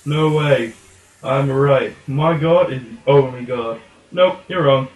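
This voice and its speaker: Guy doing a goofy stubborn holy warrior puppet, loud and bickering, echoey room. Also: mid-range voice, slow, distant mic, close to an everyday voice. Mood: combative, stubborn.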